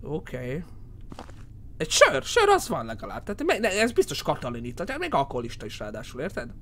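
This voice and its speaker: A man with a Hungarian accent giving horror game commentary, yelling in panic at the scares and muttering low between them. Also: wildly swooping pitch, a little hiss or hum. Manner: screams and yells in panic at scares, then drops to low muttering. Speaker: gaming streamer.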